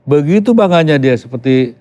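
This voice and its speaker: A man's voice: on the high side, expressive, normal speed, dark tone. Older guy chatting on a podcast, easygoing but emphatic, drops english bits. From Yogyakarta, Indonesia. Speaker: podcast guest. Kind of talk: casual conversation.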